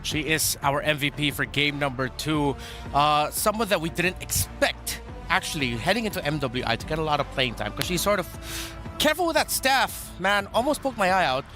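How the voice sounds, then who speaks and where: Male caster for live esports commentary. High pitch, sharp forceful tone, light music underneath. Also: expressive, moderate pace.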